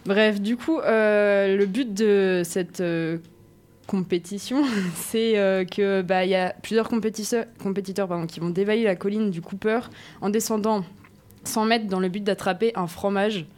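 A woman's voice: mid-range voice, fairly even intonation, unhurried, a little mellow. A woman presenting a segment on a sports talk show, chatty and laughing, with many hesitations. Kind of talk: casual radio chat.

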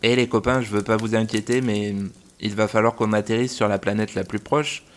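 A man's voice: on the low side, flat delivery, a little fast, slight background noise, lightly acted. A man voicing a cocky, slangy little zebra in a children's story. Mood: cheeky. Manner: casual slangy talk.

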